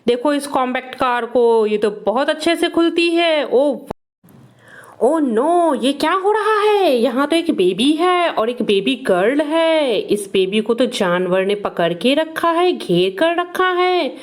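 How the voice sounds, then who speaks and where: A woman's voice: high voice, animated, a little slow, hardly any pauses. A woman narrating toy play for children, full of exclamations and repeated words.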